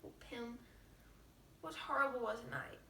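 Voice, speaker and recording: A woman playing a troubled teenage girl who pleads softly and earnestly with her father. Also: fairly high pitch, very animated, measured pace, gravelly, echoey room, distant mic, a little hiss or hum, heavily acted. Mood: pleading.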